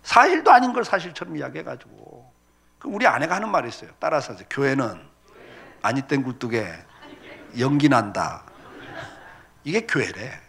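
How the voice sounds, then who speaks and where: A man's voice: mid-range voice, very animated, a little fast, creaky, a bit bright, breathy edge. A middle-aged male pastor preaching a sermon, telling stories with acted-out quotes and laughter.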